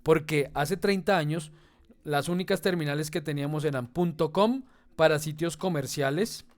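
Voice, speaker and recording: A man's voice: on the high side, moderate pace. A man who teaches an online class. He explains step by step and keeps checking in with his students. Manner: explanatory, talks to students, asks "¿sí?" and "¿no?" often. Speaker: instructor.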